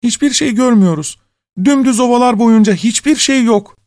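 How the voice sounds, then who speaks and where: Man doing young sisters, high pitch, calling out, storybook. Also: moderate pace, darkish tone. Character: young sisters on castle walls.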